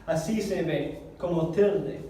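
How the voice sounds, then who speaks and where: A man teaching a Greek class, explaining slowly and carefully, repeating words and correcting himself as he goes. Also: fairly high pitch, dark tone, a little hiss or hum. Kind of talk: classroom lesson. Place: church classroom. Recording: echoey room recorded from a distance.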